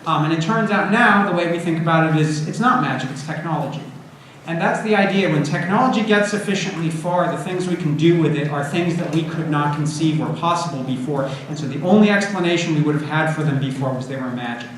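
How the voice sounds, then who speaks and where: A man's voice: fairly high pitch, fairly quick, a bit bright. A middle-aged man giving an informal, conversational public lecture as a university teacher, often checking in with "right?" and "you know.". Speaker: university computer science lecturer. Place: indoor lecture room with an audience. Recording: echoey room, audible background noise.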